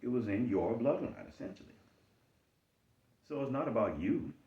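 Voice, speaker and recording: A self-help speaker from Charleston, South Carolina, with a Charleston Geechee accent, delivers an emphatic, repetitive motivational talk at normal speed. His pitch swings lively, and the recording sounds roomy and muffled.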